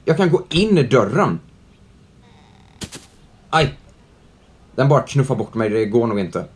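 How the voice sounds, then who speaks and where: Young man, let's-play commentary, chatty, loud reactions, joking, middle pitch, at home. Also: very animated. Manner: chatty, reacts loudly and jokes at the game. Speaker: gaming youtuber. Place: at home, indoors.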